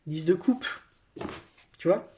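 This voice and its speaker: A woman's voice: lowish voice, lively intonation, slow pace, a little hiss or hum. Chatty French tarot reader woman. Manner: chatty, addresses viewer directly with many fillers. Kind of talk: casual tarot reading video.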